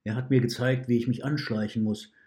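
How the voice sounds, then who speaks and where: A man's voice: medium pitch, flat delivery, brisk, warm tone, lightly acted. A man voicing a remorseful, weary male wolf imprisoned in a dungeon, talking in a pained, confessing way, in a read-aloud story. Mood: bitter, hurt.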